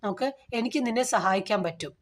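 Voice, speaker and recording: Woman doing a gentle social worker, soft and coaxing, kind of hushed, in a movie recap. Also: mid-range voice, a little fast, natural voice. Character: gentle female social worker comforting a scared girl.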